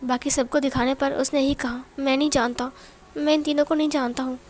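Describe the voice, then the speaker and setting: A woman's voice: sits high, level tone, a little fast, a little hiss or hum. A woman narrating a romance fanfiction story, reading every character's lines herself in a lightly dramatic voice.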